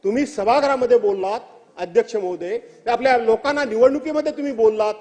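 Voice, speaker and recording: A male legislator making a forceful, accusing assembly speech. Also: very high voice, fairly quick. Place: state legislative assembly chamber. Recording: long reverb of a large assembly hall.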